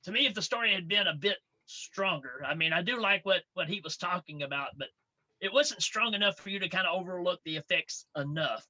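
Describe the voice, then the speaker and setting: A man co-hosting a casual podcast, jokey and quick to laugh. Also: sits high, expressive, bright, forceful tone, low-quality recording. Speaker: podcast co-host.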